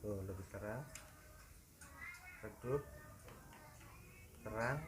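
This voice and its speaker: A man's voice: on the low side, drawn-out words, very noisy. A man giving a casual DIY how-to demonstration at home, talking to viewers like friends. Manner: relaxed, talks straight to viewers as friends. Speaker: DIY tutorial maker.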